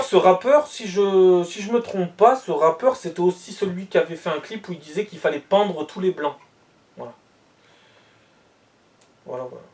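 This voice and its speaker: A man's voice: high voice, far from the mic. A man ranting bluntly and heatedly in a monologue, repeating himself as he reacts to the news.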